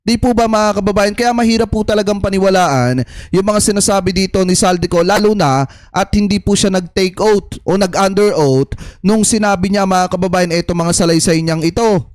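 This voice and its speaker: Male vlogger, high-pitched, dry close sound, earnest direct address to viewers. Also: a little fast, no echo. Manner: earnest, repeatedly asks viewers for their view. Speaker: political commentary vlogger. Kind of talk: casual commentary addressing viewers.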